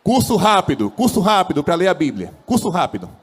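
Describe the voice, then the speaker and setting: A priest giving a fiery sermon, swinging widely between loud high exclamations and low quiet phrases, asking rhetorical questions and leading the congregation in call-and-response. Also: male voice, sing-song, a little fast, slightly rough. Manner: impassioned preaching with wide swings in pitch and loudness, rhetorical questions. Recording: long church reverb.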